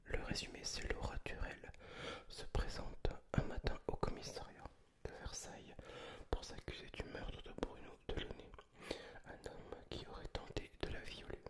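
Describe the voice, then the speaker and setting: A man whispering in a hushed, breathy library whisper, chatting informally and hesitantly about things in ASMR style. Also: normal speed. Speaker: ASMR video creator. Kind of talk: whispered ASMR book chat.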